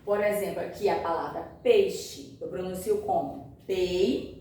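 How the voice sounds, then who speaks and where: Slow-spoken woman teacher in an echoey room. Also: lowish voice, mellow. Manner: slow, patient, checks understanding often. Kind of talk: classroom grammar lesson. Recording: echoey room, far from mic, faint noise.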